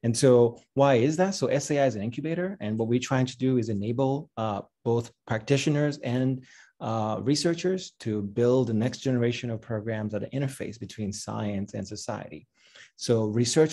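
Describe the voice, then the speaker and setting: Man hosting a video call, mellow voice. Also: mid-range voice. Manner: warm, halting, with restarts and laughs. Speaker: host. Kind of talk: casual spoken introduction. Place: home room with bookshelves.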